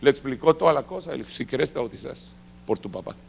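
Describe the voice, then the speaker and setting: A middle-aged man preaching, telling a testimony with lively acted-out dialogue. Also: medium pitch, fast, vocal fry, a little hiss or hum. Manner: animated storytelling, acting out quoted dialogue. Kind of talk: sermon testimony. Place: church service.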